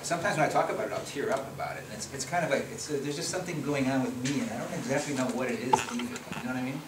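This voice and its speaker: A man's voice: medium pitch, rapid-fire. A middle-aged man from the Chicago area giving a conversational presentation with slides, often restarting and repeating words. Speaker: policy researcher giving a talk. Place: meeting room at a conference. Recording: echoey room from far off, noisy.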